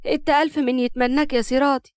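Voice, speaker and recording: A woman voicing a flattering young cousin with an Upper Egyptian accent, sweet in manner. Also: high-pitched, rapid-fire, clear, resonant tone, dry recording, natural voice. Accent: Upper Egyptian Arabic.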